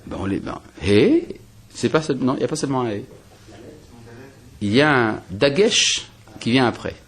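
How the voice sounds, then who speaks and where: A man's voice: mid-range voice, big pitch swings, normal speed. A man from Algeria, a rabbi teaching a spoken lesson, explaining step by step with rhetorical questions and frequent restarts. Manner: hesitant restarts and fillers while reasoning.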